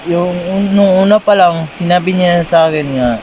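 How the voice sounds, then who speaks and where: A man's voice: sits high, fairly even intonation, moderate pace, a little hiss or hum, poor audio. A man in a comedy skit, airing his troubles in a mock-sorrowful way. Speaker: comedy sketch performer.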